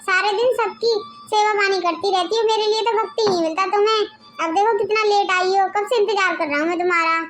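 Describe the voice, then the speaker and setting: A woman's voice: extremely high pitch, fairly even intonation, fairly quick, loud music behind the voice. A woman putting on a sulky young husband. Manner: nagging, petulant.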